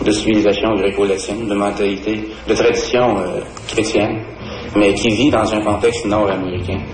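A man's voice: fairly low pitch, flat delivery, moderate pace. A man with a Quebec French accent, answering in an old street poll and defining his words carefully. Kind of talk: old vox pop interview. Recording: echoey, distant 1966 archive recording.

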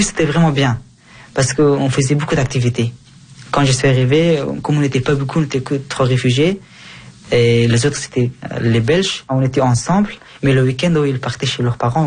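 A young man from Afghanistan giving a calm personal account in an interview, speaking carefully and correcting himself as he goes. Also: mid-range voice, a little fast, breathy edge. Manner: careful speech with self-corrections and fillers.

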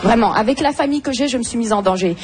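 A woman doing a stand-up routine in an animated, dramatic way. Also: fairly high pitch, racing, over loud music. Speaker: stand-up comedian. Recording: live club recording with loud crowd.

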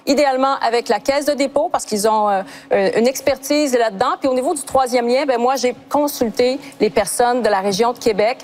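Steady female politician, slightly high voice. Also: fairly quick, hardly any pauses. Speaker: party leader in a debate. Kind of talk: televised political debate.

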